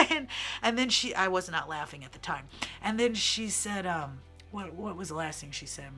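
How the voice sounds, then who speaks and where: His voice sits high and sounds feminine, pushed and bright, expressive and at a normal pace. A Midwestern transgender man in his 30s who sings and vlogs, he casually tells personal stories to camera in a candid, digressive, filler-laden way, with faint music in the background.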